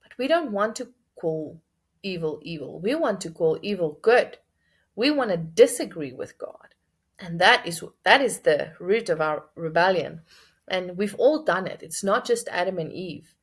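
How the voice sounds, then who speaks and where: A woman's voice: lowish voice, animated, unhurried, husky. A woman giving a reflective spoken book review with scripture commentary, earnest and thinking aloud with hesitant restarts.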